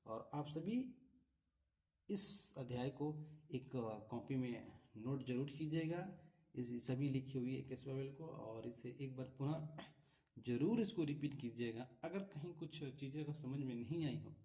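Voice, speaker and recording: Here a man teaches English vowel rules one step at a time, saying every example word twice and regularly asking, classroom-style, whether you're keeping up. He speaks patiently in a dark, mellow, mid-range voice that's a little slow and sounds slightly distant, as if recorded away from the microphone.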